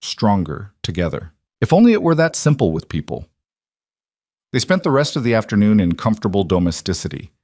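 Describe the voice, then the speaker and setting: A man narrates a scripted story in a measured, even way. His voice sits low, and the close recording is dry with no room sound. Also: dry recording.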